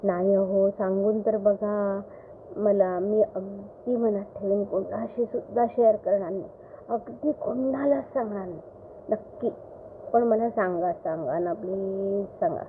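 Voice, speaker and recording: A woman voicing an anxious, curious young village wife who keeps pleading and getting excited. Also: fairly high pitch, unhurried, lightly acted. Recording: phone-like line with faint hiss.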